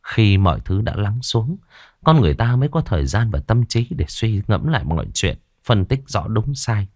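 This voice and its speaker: A man narrating a ghost story audiobook in an expressive, dramatic manner. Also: fairly low pitch, moderate pace, dry recording, clean studio sound.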